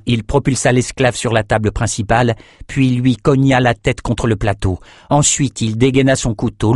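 A man narrating an audiobook in a measured, dramatic reading style. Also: medium pitch, a little mellow, dry recording, clean studio sound. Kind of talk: scripted narration.

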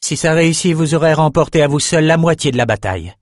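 This is a storybook sorceress who does not waste words, as a male narrator puts her on. Her voice sits higher than the narration and snaps out commands. The recording is dry and close. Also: expressive, fast, dry recording, close to an everyday voice. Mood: commanding. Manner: curt and commanding. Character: bold, cold-blooded young woman battle magician.

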